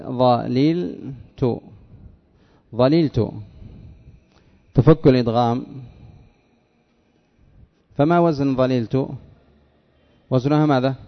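A man teaching a grammar lesson who reads from a text, asks his listeners questions and answers them himself, slowing down to spell out example words. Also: mid-range voice, muffled recording. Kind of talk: classroom lesson reading and explaining a text.

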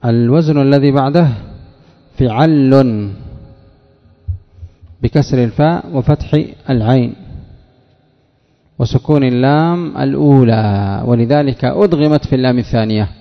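A man leads a grammar lesson, calling on students by name and spelling out each pattern with deliberate care. His voice sits in a middle register. The sound is lo-fi and muffled, with a long echo from the classroom around him. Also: medium pitch. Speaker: teacher. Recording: echoey room, dull lo-fi sound.

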